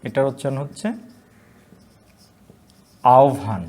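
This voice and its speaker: Lecturer from Bangladesh drilling pronunciation. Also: male voice, medium pitch, a little mellow. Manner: explains step by step, repeats each word slowly, asks and answers his own questions. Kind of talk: online class lecture on pronunciation.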